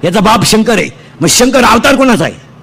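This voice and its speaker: Loud, high-voiced comic preacher. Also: male voice, sing-song, vocal fry, background noise. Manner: loud, declaiming, quizzing the crowd for quick answers. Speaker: kirtan preacher. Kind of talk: comic devotional sermon. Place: festival pandal stage. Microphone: stage microphone.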